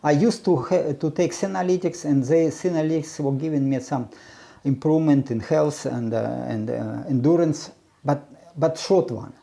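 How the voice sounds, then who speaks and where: Halting, gravelly-voiced man. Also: on the high side, dark tone. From Ukraine. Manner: halting, with many restarts and filler sounds, blunt and opinionated. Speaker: presenter of a self-run research project. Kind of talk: casual unscripted monologue.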